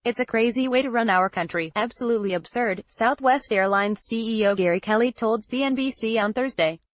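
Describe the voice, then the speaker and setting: In a dry recording with no room sound, a woman with a slightly high voice narrates a news article at a brisk pace. She reads the script formally, word for word.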